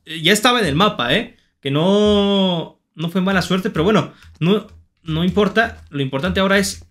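Excitable Mexican gamer narrating his play. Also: high-pitched. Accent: Mexican Spanish. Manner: excitable, talks to himself and viewers, shouts at finds and enemies. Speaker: gaming YouTuber. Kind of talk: Minecraft let's play commentary.

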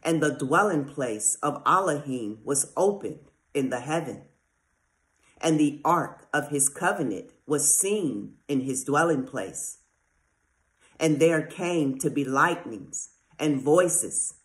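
Slow, solemn scripture reader. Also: mid-range voice, expressive. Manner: slow, solemn, deliberate delivery. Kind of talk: measured scripture reading.

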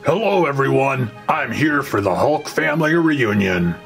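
Man voicing a villain in a Hulk suit, disguised deep voice, voice changer effect, lively swings, light music behind. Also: normal speed, vocal fry. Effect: voice disguiser making it deep.

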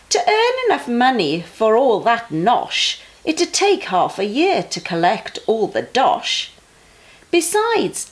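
For a junior church, a middle-aged woman gives an expressive bedtime reading of Bible stories to young children. She moves slowly and deliberately while her voice climbs and dips in a very animated way. Her delivery is emphatic, the style of a storyteller who brings every line to life.

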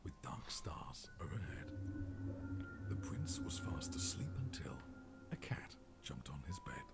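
A man voicing an eerie storybook narrator in a horror game, whispering in a gravelly voice. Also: a bass voice, big pitch swings, slow, soft background music, full character voice. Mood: ominous. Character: eerie male storybook narrator, hushed and ominous.

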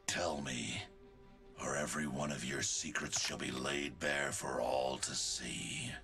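A man's voice: flat delivery, takes it slowly, bright, forceful tone, heavily acted. A man playing a grave, stern doctor in a video game, speaking in a heavy voice with formal, ominous delivery. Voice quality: very deep, heavy. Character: stern, grave male scientist doctor, defensive and brooding. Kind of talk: video game character acting. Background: music.

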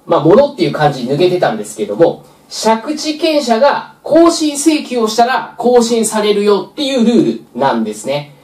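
Lively-voiced woman tutor, distant roomy mic. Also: medium pitch, moderate pace, few pauses. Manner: patient, step-by-step, frequent filler "まあ". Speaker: real estate exam tutor. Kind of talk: explanatory lecture.

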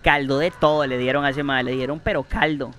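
Excitable gamer man. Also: mid-range voice, brisk, a little hiss or hum. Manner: excitable, swearing, yells when scared. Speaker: streamer. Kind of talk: let's play commentary.

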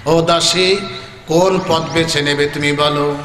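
A man from Bangladesh preaching a sermon as a chanted story, rising into high shouted, sing-song climaxes. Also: fairly even intonation, takes it slowly, roomy sound, in a large hall.

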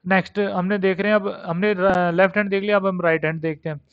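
A man teaching a vocabulary lesson, explaining in Hindi and reading lines slowly. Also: high voice, little pitch movement, fairly bright tone, smooth, no echo. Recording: dull lo-fi dry recording.

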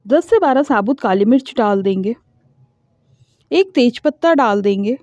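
A woman, the host of a cooking channel, calmly explaining each step of a recipe in a home-kitchen voice-over. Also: fairly high pitch, measured pace, dry recording. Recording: dull lo-fi voice-over.

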